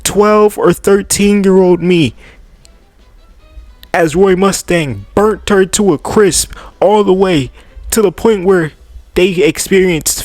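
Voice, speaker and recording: A young man giving casual anime commentary, animated and slangy, swearing freely as he tells the story. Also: a little high, dry recording.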